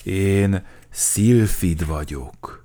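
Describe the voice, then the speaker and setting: A man's voice: high voice, big pitch swings, vocal fry, fairly bright tone, pitched above the performer's own voice, heavily acted. A man voicing a vain, boastful male cheetah in a children's storybook, indignant and showy.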